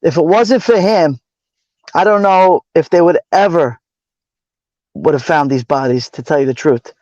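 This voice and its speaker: A man's voice: fairly high pitch, a little slow, a little mellow, no echo, lo-fi sound. A man from New York with a Brooklyn accent, chatting casually and earnestly as a livestream co-host, repeating phrases for emphasis. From New York City, raised in Brooklyn. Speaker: livestream moderator and cameraman co-host.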